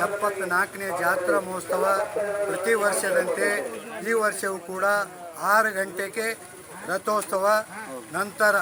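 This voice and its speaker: A man, a fair organizer, giving a formal declamatory speech outdoors at a village fair. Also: high voice. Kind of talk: formal speech to a news camera. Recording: busy outdoor crowd noise.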